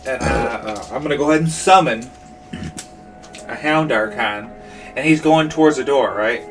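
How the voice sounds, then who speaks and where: A man playing a tabletop game, eagerly planning his moves out loud. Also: mid-range voice, moderate pace, far from the mic, soft background music. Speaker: player. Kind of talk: casual game talk.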